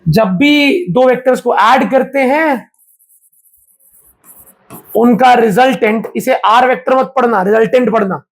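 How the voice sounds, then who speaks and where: A man's voice: extremely high pitch, a little slow, pauses often. A man teaching a physics class live to students, talking casually and often throwing questions at the class. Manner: chatty, keeps quizzing the class.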